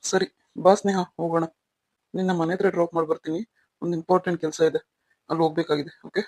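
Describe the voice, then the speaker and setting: A man playing a guarded young husband who asks calm, probing questions. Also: on the high side, fast, no room sound, lightly acted.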